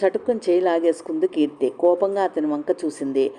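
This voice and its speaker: A woman's voice: lowish voice, fairly quick, warm tone. A woman telling a scripted audio love story, reading every part herself with only slight voice shifts.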